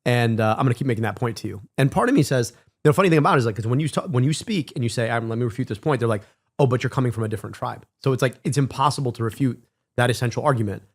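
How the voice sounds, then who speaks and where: Quick-talking guy from michigan riffing on a clip, animated, keeps repeating himself when he gets fired up. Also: medium pitch. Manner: animated, emphatic, repeats words when excited. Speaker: stream co-host reacting to clips. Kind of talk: casual reaction commentary.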